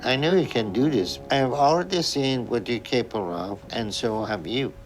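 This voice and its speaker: A man's voice: medium pitch, expressive, moderate pace, poor audio. A male doctor speaks firmly and directly to a patient about her last chance. A faint music bed plays under his voice, as in a television show. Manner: firm and direct. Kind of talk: stern advice to a patient.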